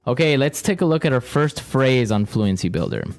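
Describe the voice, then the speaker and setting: A man's voice: medium pitch, sing-song, normal speed, darkish tone, soft background music. A man teaching vocabulary conversationally, repeating key words and checking with short questions. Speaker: host and English teacher.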